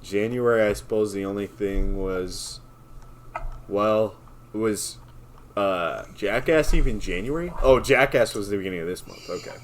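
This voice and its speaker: A young man co-hosts a podcast in a casual chat, rambling and laughing often. His voice sits on the low side at a moderate pace.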